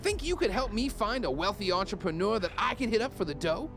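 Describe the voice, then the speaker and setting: A man's voice: high voice, sing-song, brisk, creaky, heavily acted. A man voicing a cocky, grumbling talking duck hustler in a video game, with a wisecracking salesman's patter. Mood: scheming, indignant. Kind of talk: video game character dialogue. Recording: music behind the voice.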